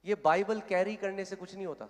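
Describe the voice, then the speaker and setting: A blunt, straight-talking pastor from India preaches a sermon with a fairly high voice. His words ring out with a long reverb, as in a large hall. He builds from plain talk to fervent, loud calls. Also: fairly even intonation, fairly quick. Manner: blunt and direct, rising to fervent shouting.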